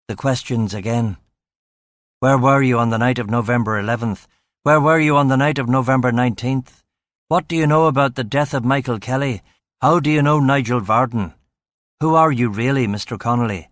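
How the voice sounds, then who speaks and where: A man's voice: mid-range voice, no echo, clean studio sound. A man reading a crime novel aloud in clipped, understated first-person narration. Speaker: audiobook narrator. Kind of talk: scripted narration.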